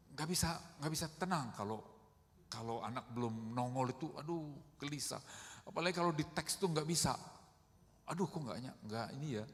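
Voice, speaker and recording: A middle-aged man preaching a sermon in a conversational way, often calling the congregation "saudara" and acting out quoted speech with big swings in loudness. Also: a little high. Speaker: pastor. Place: church hall. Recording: long hall reverb.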